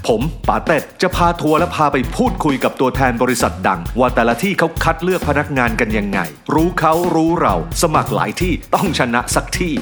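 A man's voice: medium pitch, animated, fairly quick, hardly any pauses. A man reading a scripted, upbeat podcast introduction. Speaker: podcast host. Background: intro music.

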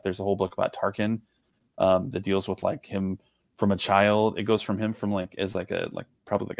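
A deep-voiced man co-hosts a podcast, rambling through casual chat full of fillers and restarts. There's no echo on his voice.

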